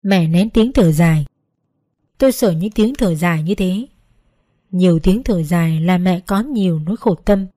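A woman narrating an emotional first-person story in a slow, gentle, measured reading. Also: fairly low pitch, dry recording. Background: faint background music.

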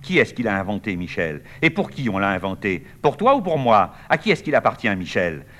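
A man's voice: on the low side, big pitch swings, brisk, a bit bright, a little hiss or hum. A man reading a play aloud, voicing a bold young woman who is sarcastic and cutting. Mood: mocking. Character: bold, mocking young woman, sharp-tongued.

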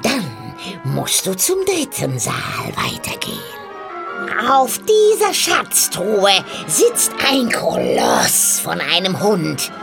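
A woman voicing a sly, ugly old witch who croaks, cackles and coaxes. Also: huge pitch swings, slow pace, over music, heavily acted. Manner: wheedling, cackling, sudden shrill rises.

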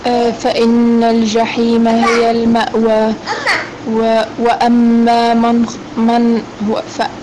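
A woman reciting in a lesson, halting and restarting words. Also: fairly high pitch. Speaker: recitation student. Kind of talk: Quran recitation. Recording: clear background noise.

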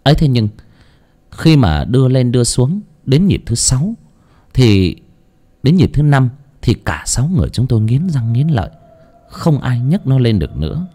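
A man narrates a first-person ghost story for an audiobook. His mid-pitched voice moves lively up and down, with dramatic pauses between phrases.

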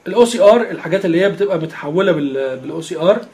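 A man's voice: sits high, animated, very fast, a little mellow. A man with an Egyptian Arabic accent explaining a screen reader step by step, with many filler sounds. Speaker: instructor.

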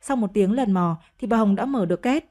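A woman reads a dramatic audio story with a steady, even storytelling delivery. Her voice is mellow and warm in tone. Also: medium pitch, brisk. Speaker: narrator.

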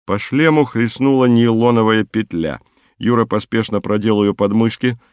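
A man narrating an audiobook in a measured, even reading. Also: fairly low pitch, smooth, dry recording, studio quality. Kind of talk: scripted narration.

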